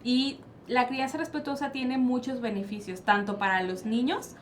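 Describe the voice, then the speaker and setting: A woman's voice: fairly high pitch, fairly even intonation, moderate pace. A woman psychologist with a Mexican Spanish accent, explaining parenting styles in a panel discussion and posing rhetorical questions she answers herself. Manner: explanatory, asks and answers her own questions. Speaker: child psychologist guest. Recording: faint background noise.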